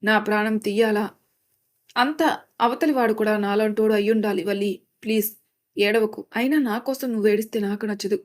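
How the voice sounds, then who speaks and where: A woman's voice: medium pitch, fairly even intonation, a little fast, natural voice. A woman voicing a devoted young man who firmly reassures the woman he loves. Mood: reassuring. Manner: reassuring, firm.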